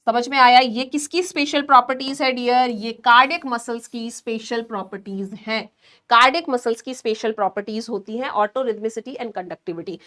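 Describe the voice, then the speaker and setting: Nursing tutor, woman, high voice, explains step by step while demonstrating. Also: pushed and bright. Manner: asks the class questions, then answers them herself; explains slowly with hand demonstrations. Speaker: nursing exam teacher. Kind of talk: online class lecture.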